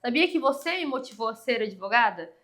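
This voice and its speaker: A woman's voice: a little high, a little fast. A woman in her thirties from Brazil, telling a personal story as a podcast guest and acting out the voices of the people in it. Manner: animated, acts out dialogue in quoted voices.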